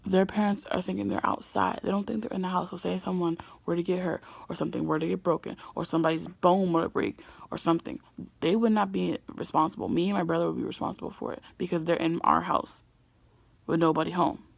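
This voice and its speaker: Young woman, 18, vlogger, fed-up storyteller, gravelly, dry close sound. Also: fairly low pitch, steady tone, fast, no echo. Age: young adult, 18. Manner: exasperated, ranting. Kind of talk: casual storytime vlog.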